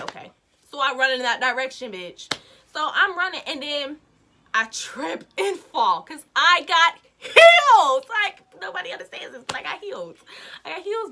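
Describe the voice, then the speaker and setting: Animated high-voiced young woman telling a story. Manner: animated, swings loud to hushed, slangy. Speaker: vlogger. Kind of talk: storytime vlog.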